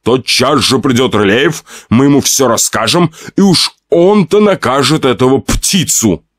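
A composed master of the house speaks in a soothing, measured tone, as a male narrator does him. His voice stays steady and reassuring. The sound is close and dry. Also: mid-range voice, dry recording, pitched above the performer's own voice. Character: composed mustached head of the household.

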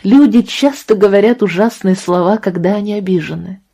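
A woman voicing a gentle, strained middle-aged mother who speaks softly and soothingly, in an audiobook. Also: medium pitch, brisk, lightly acted. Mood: tender. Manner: soft and soothing.

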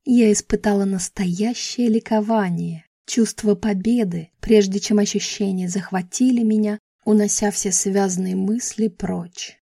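A woman's voice: medium pitch, steady tone, a little slow, vocal fry, few pauses, dark tone, breathy edge, dry recording, studio quality. A woman reading a first-person novel aloud, dramatically and with emotion. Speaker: audiobook narrator.

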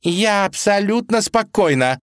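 A man voicing a capricious, quick-tempered young tsarevna in a storybook reading, with a petulant, emphatic manner. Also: high voice, very animated, dry recording, clean studio sound, pitched above the performer's own voice.

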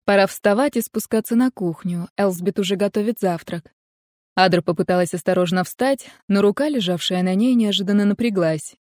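A woman narrating a romance novel as an audiobook, in even, steady storytelling. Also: medium pitch, normal speed, dry recording, clean studio sound.

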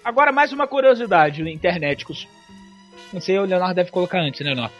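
A man hosting a casual podcast, joking around with sudden high exclamations. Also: very animated, quick pace, dull audio, soft background music. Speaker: podcast host.

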